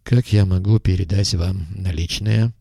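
A man reading an audiobook voices a stern, weary middle-aged intelligence chief who speaks in a measured, reproachful way. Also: sits low, steady tone, creaky, dark tone, no room sound, clean studio sound, full character voice.

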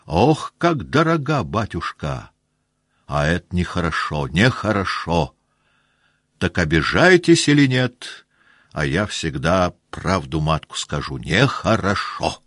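A man's voice: deep voice, big pitch swings, takes it slowly, fairly bright tone, no echo, studio quality, heavily acted. A man voicing an old, blunt cavalry staff-captain who scolds like a stern father. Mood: reproachful.

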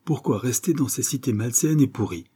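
A man voicing an ailing, cynical male poet who speaks with sardonic, emphatic outbursts in a husky voice. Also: mid-range voice, lively intonation, brisk, dark tone, pitched above the performer's own voice. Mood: exhorting.

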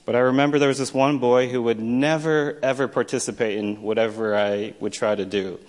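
This small-town American storyteller, poet and teacher now sounds mid-range and a little mellow, moving briskly with fairly even intonation. He shares a personal story wryly, poking fun at himself and acting out the dialogue he remembers.

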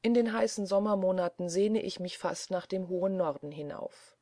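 A woman reading as a brisk, cheerful young man fresh off a coach journey. He speaks lightly and easily, in a low, dry voice. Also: mellow, no echo, lightly acted.

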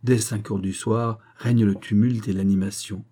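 Low, husky male audiobook narrator. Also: steady tone, moderate pace, mellow. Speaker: audiobook reader. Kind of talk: scripted narration.

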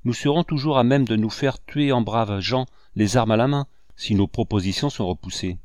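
Reading the part of a bold army captain, a man sounds resolute. His medium-pitched voice is darkish and close to everyday speech, at a moderate pace. The studio recording is clean, with no room sound.

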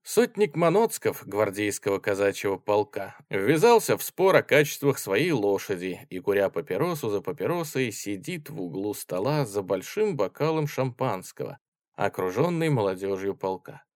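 A male narrator reading a classic novel aloud. His pitch moves lively through each sentence, and the sound is dry and close. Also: moderate pace, no room sound. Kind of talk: audiobook narration.

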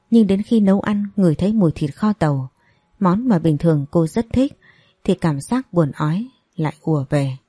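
A woman narrating a dramatic story in scripted form, quick and steady. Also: low voice, slightly rough, no room sound.

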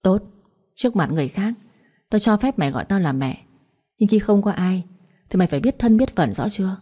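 Cruel stepmother, contemptuous, cold, woman reader, husky. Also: medium pitch, animated, brisk, dark tone. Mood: threatening. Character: cruel scornful stepmother, middle-aged woman.

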